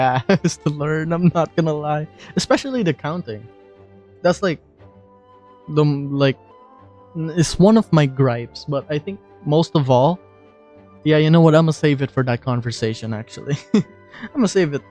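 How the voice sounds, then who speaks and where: A man's voice: fairly high pitch, a little mellow. A man streaming a game, chatty and self-deprecating, commenting casually. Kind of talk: casual commentary while gaming.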